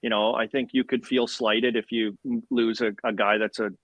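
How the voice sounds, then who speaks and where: A man's voice: mid-range voice, little pitch movement, moderate pace, a bit bright, no room sound. A man talking casual sports as a slangy, chirpy hockey bro ex-player. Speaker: former hockey player guest.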